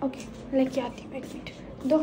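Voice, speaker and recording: A woman's voice: high-pitched, flat delivery, normal speed, background noise. A woman hosting a casual vlog, chatting to viewers and often asking if they follow. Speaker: vlog host.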